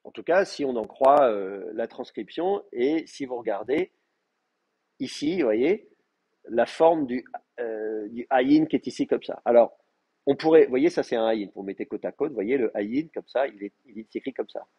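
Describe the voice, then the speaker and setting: A man's voice: medium pitch, animated, normal speed, warm tone, slightly rough, highs cut off. A man lecturing a Hebrew class, explaining patiently with many fillers and restarts. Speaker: Hebrew teacher. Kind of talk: university lecture.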